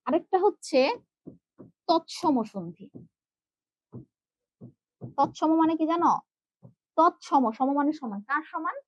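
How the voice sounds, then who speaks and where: High-voiced woman teaching a grammar class. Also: lively intonation, slow pace, long pauses, no room sound, dull audio. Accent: Bangladeshi Bengali. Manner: explains step by step, often checks with "ঠিক আছে?". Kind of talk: online class lecture.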